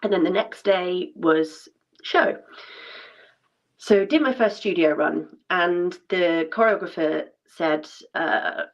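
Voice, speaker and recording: A woman's voice: lowish voice, slow. A woman, a former dancer telling a personal story in a chatty way, full of fillers and restarts. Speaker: former dancer sharing her story at an event. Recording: dull lo-fi sound.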